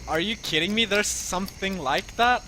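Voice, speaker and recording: A man hosting a casual gaming session, chatting as he plays and often laughing and cursing. His voice sits a bit high. The recording has a heavy hiss of noise. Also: normal speed. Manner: swears and laughs often while playing. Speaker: host. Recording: very noisy audio.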